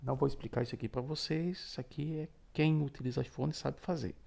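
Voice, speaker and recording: A man's voice: mid-range voice, fairly even intonation, fast talker, vocal fry, darkish tone. A man hosting a step-by-step tutorial on using a phone screen reader, patiently explaining each gesture aloud. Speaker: tutorial host.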